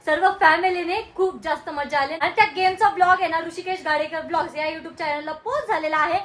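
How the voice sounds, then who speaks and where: A woman's voice: very high-pitched, brisk, a bit bright, echoey room. A woman, chatting casually and teasing family in a home vlog. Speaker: vlogger.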